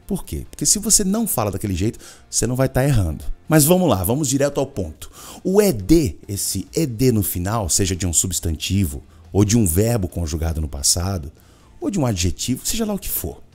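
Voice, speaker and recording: A Brazilian man teaching English in an energetic video lesson, with a Brazilian Portuguese accent, repeating words over and over as drills. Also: lowish voice, brisk, faint music behind.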